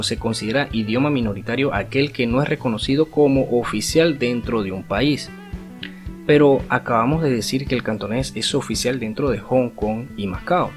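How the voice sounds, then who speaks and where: A man teaching an online language lesson in an explanatory way, often checking in with rhetorical tag questions. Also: medium pitch. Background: faint guitar music.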